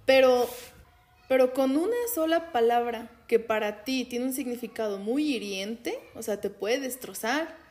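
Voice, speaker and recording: A woman's voice: on the high side, normal speed, darkish tone. Reflective Mexican woman, Jalisco accent. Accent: Mexican Spanish, Jalisco. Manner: thoughtful, reflective, restarts phrases. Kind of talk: casual conversation.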